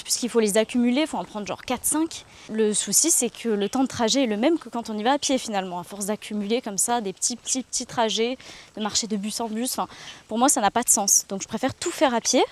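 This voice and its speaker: Slightly high and a little quick, with a darkish tone, the voice belongs to a French travel vlogger in her twenties. She walks outdoors and opens up reflectively, stumbling through many hesitations in a casual confiding style.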